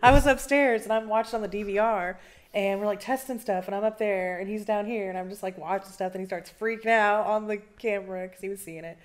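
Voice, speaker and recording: Woman guest, middle pitch, lively chatty storyteller, recorded indoors in an old school room. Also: quick pace. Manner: animated, chatty storyteller with many "like" fillers. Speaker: paranormal investigator, guest. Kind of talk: casual storytelling interview.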